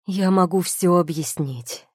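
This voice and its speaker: A woman's voice: fairly low pitch, measured pace, a little mellow, slightly rough, no room sound, studio quality. A woman reading an audiobook voices a scheming husband, drawling and ingratiating. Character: scheming husband, smooth and cold.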